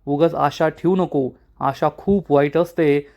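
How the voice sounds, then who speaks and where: A man's voice: on the high side, fairly even intonation, measured pace, darkish tone. A man voicing a stern young village man firmly turning down a girl's hopes. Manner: firm, lecturing.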